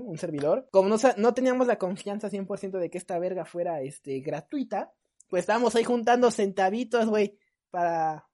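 A young adult woman with a Mexican Spanish accent, co-hosting a podcast and telling a story in casual chat, acting out her friends' lines. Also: medium pitch. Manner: animated, acts out friends' lines. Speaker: podcast co-host.

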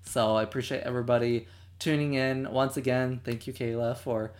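A man hosting a podcast and wrapping up the episode in a relaxed, chatty way with lots of fillers and laughs. He says he is losing his voice. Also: medium pitch, a little fast. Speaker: podcast host. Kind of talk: casual podcast chat and outro.

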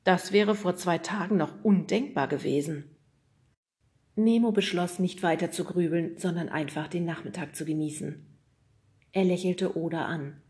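A woman narrating a children's audiobook in a lively storytelling manner. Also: on the low side, moderate pace.

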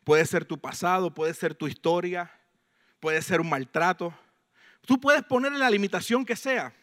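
A man with a Puerto Rican accent preaching a sermon, swinging between loud proclamation and hushed emphasis. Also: sits high, moderate pace. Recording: long hall reverb.

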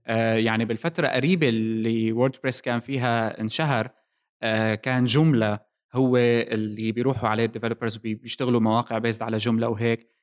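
Male podcast host, Levantine Arabic accent, medium pitch, brisk delivery, casual explainer mixing English tech terms. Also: fairly even intonation.

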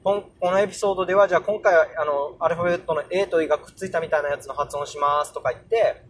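A man's voice: fairly high pitch, racing, a little hiss or hum. A young man casually hosting a solo podcast, explaining English pronunciation and sounding out example words aloud. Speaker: podcast host.

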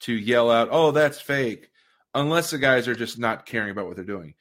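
A man's voice: medium pitch, lively intonation, fast, a bit bright. A man hosting a casual faith conversation, reflecting thoughtfully and at length.

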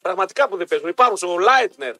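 A man's voice: high voice, expressive, bright, forceful tone, dry recording. A man co-hosting a sports radio show, chatting casually and often repeating himself. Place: radio studio. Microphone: studio microphone. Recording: radio broadcast with faint music.

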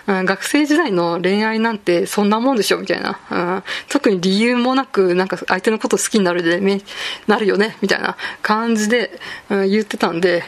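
A woman around forty from Japan's Kanto region hosts a casual solo podcast, talking through a manga review with plenty of fillers and fan asides. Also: mid-range voice. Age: late 30s to 40s. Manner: chatty, frequent fillers and asides, self-deprecating fan talk. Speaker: podcast host.

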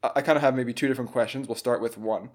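A man's voice: medium pitch, steady tone, racing. A man interviewing a guest, asking thoughtful, layered questions in a casual way.

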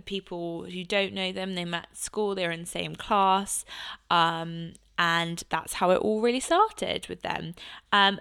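A woman with a British accent presents in a casual, informal way as a show host. Her voice is on the low side and very clear and smooth. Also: pushed and bright. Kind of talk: casual presenting between interviews.

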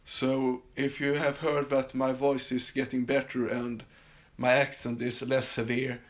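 A man from Sweden hosts his solo podcast from a summer house in a casual way, restarting often and leaning on fillers, with a Swedish accent. His medium-pitched voice barely moves and keeps a measured pace.

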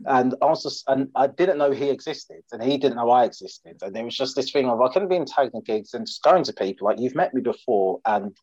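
A man's voice: medium pitch, expressive, brisk, hardly any pauses, a little mellow, breathy edge, dry recording, dull audio. A man from Essex with an Essex accent, chatting casually as a comedian guest on a podcast in a jokey, self-deprecating way. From Essex, England. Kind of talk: casual chat.

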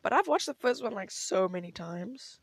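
A woman's voice: mid-range voice, lively intonation, moderate pace, creaky, dry recording. A young woman chatting casually as a solo podcast host in a bubbly, gushing, girlish way, peppering her talk with filler words.

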